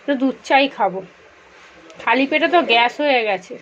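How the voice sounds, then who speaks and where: A woman's voice: sits high, lively intonation, a little fast, a bit bright, muffled recording, a little hiss or hum. A woman, chatting directly to viewers in a casual home vlog from her kitchen. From India. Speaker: vlogger.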